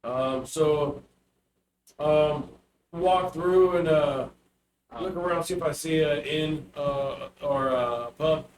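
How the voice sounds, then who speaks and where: Hesitant male gamer, echoey noisy recording. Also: a little high. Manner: hesitant, halting. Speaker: tabletop game player. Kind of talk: casual in-character game talk. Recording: echoey, distant mic with clear noise.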